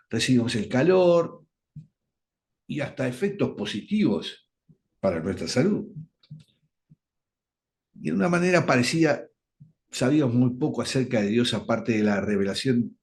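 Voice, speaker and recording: A man teaching a radio Bible study, speaking deliberately and stressing key words. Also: mid-range voice, a little mellow.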